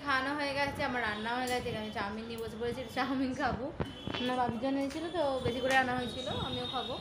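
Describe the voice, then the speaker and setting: A woman's voice: a little high, fairly even intonation, rapid-fire, very noisy. A woman talking casually to her viewers as she cooks in her home kitchen, chatty and direct. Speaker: home vlogger.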